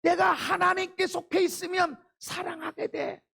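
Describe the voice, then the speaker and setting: Man pastor, sermon, very high voice, gravelly fry, emphatic rhetorical questions. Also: little pitch movement, unhurried, bright, forceful tone. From South Korea. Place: church sanctuary.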